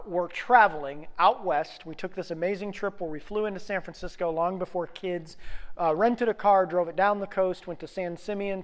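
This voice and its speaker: A male pastor in his forties gives a sermon in a church, his voice sitting a bit higher than most men's. He tells stories casually, with self-deprecating asides, then moves into scripture and prayer. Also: long reverb tail. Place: church sanctuary.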